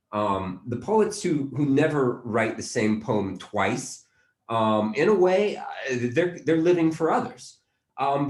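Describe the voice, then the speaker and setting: A man hosting a poetry reading over a video call, introducing a poet in a thoughtful, halting way. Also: on the low side. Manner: thoughtful, many fillers. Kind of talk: casual spoken introduction. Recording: roomy echo.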